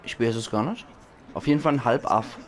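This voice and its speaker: A hoarse man with a Palatinate German accent gives casual, chatty gaming commentary, full of enthusiasm. His voice sits at an ordinary middle pitch, with faint noise underneath. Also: brisk. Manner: chatty, enthusiastic, laughs often. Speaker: let's play host.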